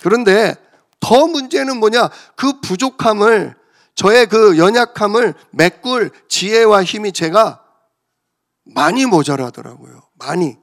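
A man's voice: sits high, lively intonation, a little slow, a bit bright. A man pastor preaching an emotional, confessional sermon that builds in intensity.

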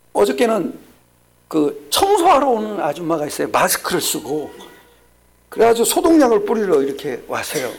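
An older man preaching a sermon, shifting between loud emphatic lines and hushed, almost whispered ones. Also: high voice, gravelly. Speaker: pastor.

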